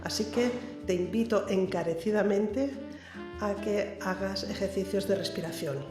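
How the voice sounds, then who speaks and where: A woman's voice: mid-range voice, fairly even intonation, moderate pace. Emphatic woman singing coach. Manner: emphatic, addresses viewer directly with frequent "¿eh?". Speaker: singing teacher. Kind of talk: vocal coaching lesson to camera. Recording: echoey room with faint background music.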